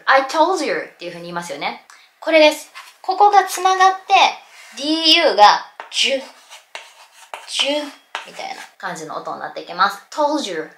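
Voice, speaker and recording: A woman's voice: mid-range voice, fairly bright tone, echoey room. A woman teaching English pronunciation in a casual lesson at a blackboard, explaining with spoken examples.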